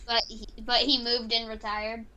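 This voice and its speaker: A woman's voice: fairly high pitch, little pitch movement, moderate pace, sharp tone. A teenage girl co-hosting a podcast over an online call, chatty and eager, with a mic that cuts out. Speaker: podcast co-host. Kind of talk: casual chat. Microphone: online call, mic cutting out.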